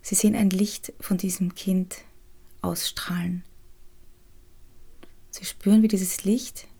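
A woman guides a meditation in a soft, soothing half-whisper, pausing often. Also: on the low side, steady tone, gravelly, husky. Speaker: podcast host and resilience trainer guiding a meditation.

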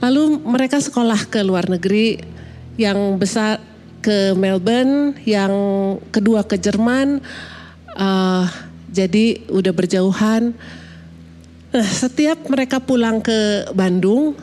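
A woman in her fifties from Indonesia, a pastor giving a personal testimony sermon, halting and emotional, with many fillers and restarts. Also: medium pitch, darkish tone, slight background noise. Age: 50s.

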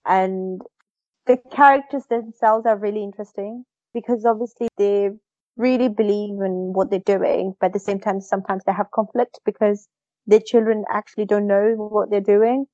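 A woman's voice: mid-range voice, fairly even intonation, moderate pace, mellow, no room sound, lo-fi sound. A woman co-hosting a casual chat, talking enthusiastically about a show she recommends. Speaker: podcast co-host.

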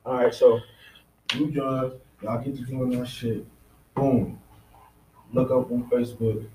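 A man's voice: mid-range voice, little pitch movement, measured pace, dark tone. An American man hosts a casual chat in street slang with plenty of swearing and filler phrases. He sounds distant in an echoey room, with faint noise around him. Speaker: show host.

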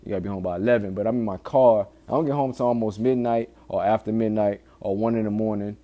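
A man's voice: on the low side, steady tone, quick pace, warm tone. A man speaking casually and candidly in a solo podcast monologue, swearing often and earnestly pleading with listeners in urgent warnings. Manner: informal, frequent swearing. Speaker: podcast host.

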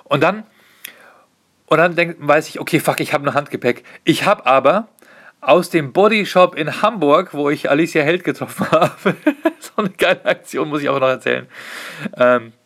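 A man, a comedian, telling a casual comic anecdote in an animated way, swearing freely and acting out bits of dialogue. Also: on the high side, moderate pace.

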